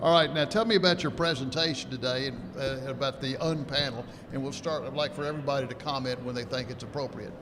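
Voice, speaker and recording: A man's voice: medium pitch, quick pace, hardly any pauses. A man hosting a conference interview, chatty and joking. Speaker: host. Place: conference hall, indoors. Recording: noisy reverberant hall.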